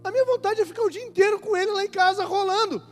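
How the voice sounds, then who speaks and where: A middle-aged man from Brazil preaching a sermon as pastor, swinging from hushed tones to shouting. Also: extremely high pitch, racing. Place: large church hall at a conference. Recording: hall reverb with music under it.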